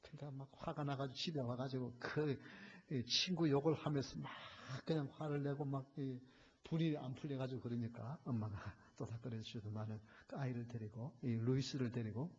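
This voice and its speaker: A male pastor preaching a sermon, addressing the congregation often and switching between hushed, almost whispered asides and loud, fervent climaxes. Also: mid-range voice, moderate pace, breathy edge. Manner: storytelling with many fillers and repeated direct address to the congregation. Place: church sanctuary. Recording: dull, lo-fi church recording.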